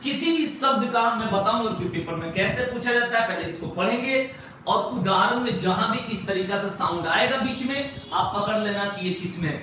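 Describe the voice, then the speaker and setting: Guy teacher w a really high voice, far off the mic in a super echoey classroom, keeps quizzing then answering himself. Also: moderate pace, pushed and bright, slight background noise. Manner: repeats quiz questions and answers them himself; stretches out single sounds while spelling words. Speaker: Hindi grammar teacher. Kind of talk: classroom lecture.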